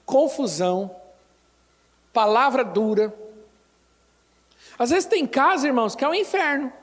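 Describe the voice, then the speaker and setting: A male pastor with a Brazilian accent preaches to his congregation, his voice pitched unusually high. He breaks into animated little impressions of church members. The sound rings with long reverb around the hall. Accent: Brazilian Portuguese. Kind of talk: sermon.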